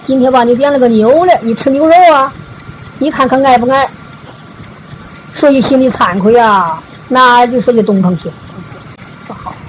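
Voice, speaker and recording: A woman giving a Buddhist dharma talk, retelling a parable in a folksy storytelling way, with frequent drawn-out filler particles. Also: on the high side, slight background noise, poor audio. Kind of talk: storytelling sermon.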